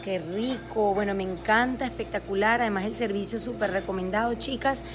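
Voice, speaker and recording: A woman's voice: mid-range voice, a little fast, music in the background. A woman chatting casually in a phone story, gushing and promotional as she shows off her store event to followers. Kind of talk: casual Instagram story chat. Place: busy store event, indoors. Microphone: phone held by speaker. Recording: phone recording with chattering crowd behind.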